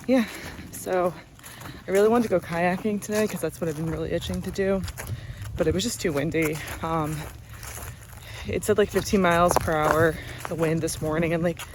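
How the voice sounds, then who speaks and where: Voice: medium pitch, noisy background. A hiking vlogger from New Jersey talks in a chatty, rambling way with many fillers, out of breath on the trail. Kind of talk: casual walk-and-talk vlog. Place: wooded park trails outdoors.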